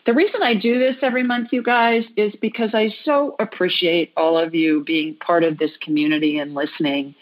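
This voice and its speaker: Upbeat low-voiced woman host. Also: steady tone, highs cut off. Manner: chatty and upbeat, with quick asides. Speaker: podcast host. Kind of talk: casual chat.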